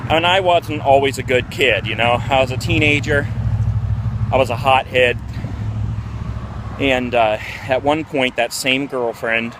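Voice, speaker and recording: A man's voice: medium pitch, unhurried, pauses often. Midwest guy in his 40s vlogging outside on a handheld cam, rambly candid storytelling, faint traffic behind. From Ohio, USA. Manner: candid, rambling, with many fillers. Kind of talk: casual storytelling vlog. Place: outdoors, walking through a neighborhood near a park.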